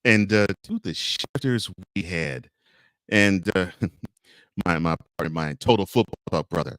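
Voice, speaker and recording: A man's voice: low voice, unhurried, fairly bright tone. A man hosting a live morning variety show, chatting casually, reading out viewer comments with frequent laughs. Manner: chatty, laughs often, repeats plugs.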